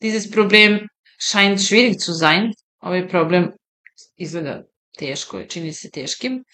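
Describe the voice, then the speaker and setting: A woman teaching German, slowly repeating example sentences and translating them into her own language, explaining points conversationally. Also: on the low side, bright, forceful tone. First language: Serbian. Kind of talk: slow, deliberate language lesson.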